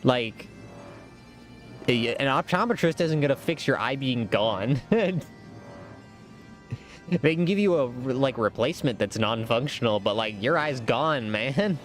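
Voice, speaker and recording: A man's voice: mid-range voice, animated, measured pace, long pauses, soft background music. A young man streaming a game, chatting casually while he plays. He sounds sleepy, yawns, swears freely and laughs at his own rambling jokes. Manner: laid-back, swears, laughs often, rambling asides. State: sleepy, yawning.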